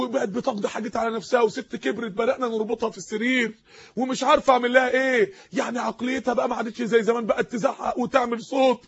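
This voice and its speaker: A man's voice: extremely high pitch, a little hiss or hum. A man retelling a distraught woman caller's confession to a sheikh in his own voice, pleading and lamenting, on a dull lo-fi recording.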